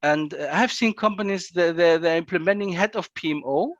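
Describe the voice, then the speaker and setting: A man speaks as an interview guest, fairly high for a man and recorded dry and close. He repeats words as he thinks and tags his phrases with "yeah". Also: fairly quick, a bit bright, no echo, highs cut off. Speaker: guest, project management executive. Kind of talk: casual video-call interview.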